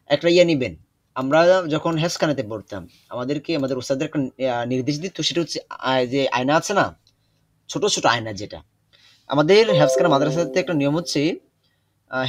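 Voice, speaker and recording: A young man teaching an online Quran recitation class, patient and repetitive, often pausing with hesitations. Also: fairly high pitch, no room sound. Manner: patient, repeats instructions, many hesitations.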